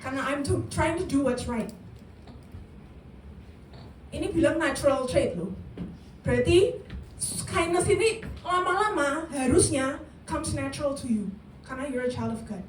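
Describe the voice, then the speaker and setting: This woman's high voice moves a little slowly with frequent pauses as she gives a lively, interactive youth sermon, asking her listeners questions directly and blending in English. The distant mic in the church meeting room yields echo and a faint hiss.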